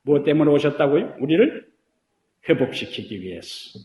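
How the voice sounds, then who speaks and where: A man's voice: on the high side, big pitch swings, normal speed, dark tone. A middle-aged male pastor preaching a sermon in a church, asking the congregation questions and building to emphatic peaks. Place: church sanctuary. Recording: echoey church hall.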